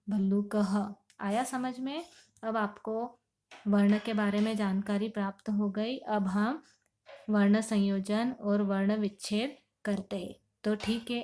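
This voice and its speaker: A woman's voice: mid-range voice, a little mellow. A woman teaching a grammar lesson, asking questions and answering them herself, step by step and patiently. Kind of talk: classroom lesson explaining Sanskrit grammar.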